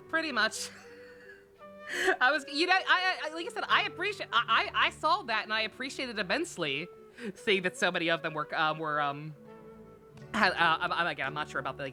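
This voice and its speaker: A woman with a lowish, pushed, bright voice livestreams a game, offering casual, candid commentary full of rambling, stammering and frequent swearing. Game music plays behind her.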